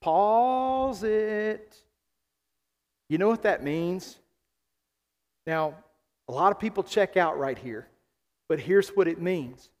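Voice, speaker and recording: A man's voice: fairly high pitch, lively intonation, measured pace, pauses often. Preaching man in a reverberant church. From South Arkansas. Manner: preaching with rising emphatic calls to the congregation. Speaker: pastor. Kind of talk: sermon. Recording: long hall reverb.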